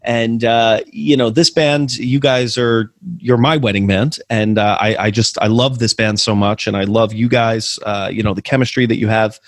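A man with a northeastern American accent hosts a casual interview with rambling enthusiasm and a self-deprecating streak. His voice sits in a middle pitch. The sound is dry and close, as on a video call. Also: fairly even intonation, moderate pace, dry recording. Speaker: interview host.

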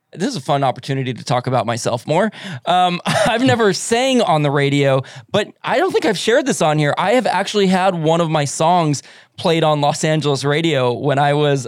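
A man's voice: on the high side, no room sound, studio quality. Chatty, self-deprecating podcast host man. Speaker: radio board operator and podcast host. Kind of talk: casual chat.

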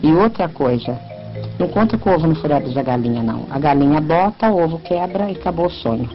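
A woman caller with a lowish voice who talks very fast and lectures. The audio is dull, with music behind her. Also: animated. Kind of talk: voice message to a radio show.

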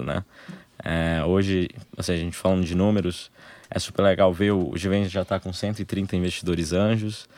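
A young man with a Brazilian Portuguese accent, his voice sitting very low. He talks as an interview guest in relaxed conversation, laying things out in short, halting phrases. The sound is close and dry, with no room in it. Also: dry recording. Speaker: interview guest, angel investor group member.

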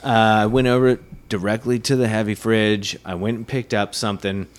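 A man hosting a casual podcast, chatting and reviewing a beer in a rambling, animated way. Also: on the low side, normal speed, clean tone. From United States. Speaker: podcast host.

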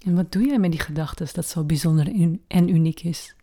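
Speaking slowly and tenderly with lengthy pauses, a woman leads a guided meditation. Her fairly low, soft voice often slips into a breathy, almost whispered tone.

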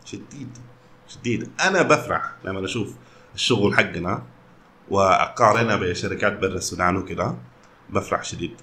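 A company founder with a Sudanese Arabic accent chats casually, switching often between Arabic and English. His voice is low and sharp-toned, and he talks briskly.

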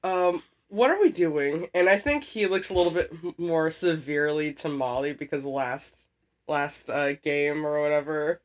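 Woman player at a tabletop game, slightly low voice, wry, rambly casual chat. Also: normal speed. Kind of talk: casual chat during a role-playing game.

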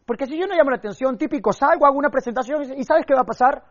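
A young man teaching public speaking, energetic and emphatic, telling stories and acting out what people said. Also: extremely high pitch, rapid-fire, highs cut off. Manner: energetic, emphatic, acts out quotes and sound effects. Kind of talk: motivational speaking lesson with stories.

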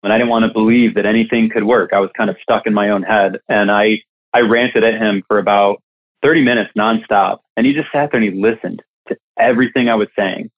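A man's voice: fairly low pitch, steady tone, fairly quick. A man who coaches staffing businesses, telling a candid, reflective story in an interview. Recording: tinny phone-like line.

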